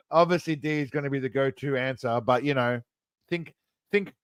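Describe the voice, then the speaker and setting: A man's voice: mid-range voice, clean tone, dry recording. A tipsy man hosting a casual livestream quiz, rambling, swearing and reading answer options aloud. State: tipsy, self-described as wasted. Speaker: streamer running a quiz.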